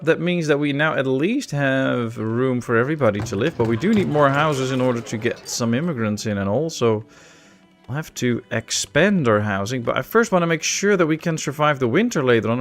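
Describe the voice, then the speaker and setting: Game host who thinks aloud while playing, with a gravelly edge and an animated delivery. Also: male voice, mid-range voice. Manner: thinks aloud, plans step by step. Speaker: let's play host. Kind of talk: casual gameplay commentary.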